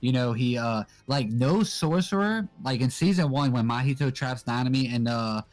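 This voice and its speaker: A man's voice: mid-range voice, normal speed. Young man explaining anime casually. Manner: relaxed, filler-heavy explaining. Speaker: guest co-host.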